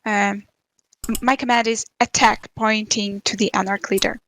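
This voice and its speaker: A woman playing in a tabletop role-playing game, speaking in a hesitant, halting way. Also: medium pitch, steady tone, a bit bright, dry recording, low-quality recording. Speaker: player.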